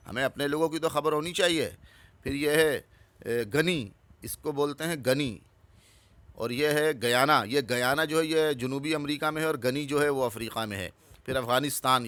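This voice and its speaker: A man with a bright, forceful voice talks earnestly and urges his audience on. He names one item after another and adds a short comment to each. The sound is close and dry, with no room echo. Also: fairly high pitch. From Pakistan. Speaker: religious channel host. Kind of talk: informal explanatory talk.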